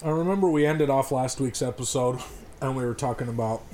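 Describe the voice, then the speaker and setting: Foul-mouthed joking man, mellow voice. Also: medium pitch, a little fast, a little hiss or hum. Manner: profane, joking, talks with his mouth full. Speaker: podcast co-host. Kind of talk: casual podcast chat.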